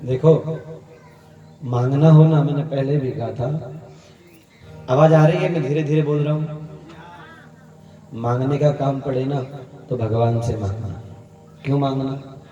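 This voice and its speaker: A man preaches a Hindi katha in a warm, steady, medium-pitched voice, unhurried and full of long pauses, chuckling to the crowd as he acts out the stories' dialogue. The dull audio comes from a distant mic in an echoey hall, with faint ambience and soft background music.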